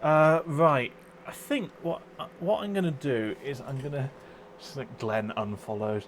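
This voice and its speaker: A man's voice: mid-range voice, measured pace, a little hiss or hum. A man chatting casually on a live stream, rambling, swearing freely and reacting to chat comments. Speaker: overclocking livestreamer.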